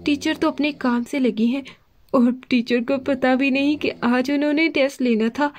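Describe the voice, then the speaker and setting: A woman's voice: high-pitched, steady tone, normal speed, lightly acted. A woman voicing a clever older sister girl doll, the best student, in a confident, mildly scolding way in a doll play story.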